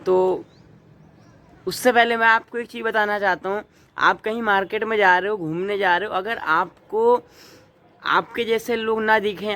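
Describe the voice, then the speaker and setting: A man's voice: sits high, a bit bright. A young man from Uttarakhand, India, giving earnest, indignant opinion commentary as a vlogger, asking the viewer pointed rhetorical questions.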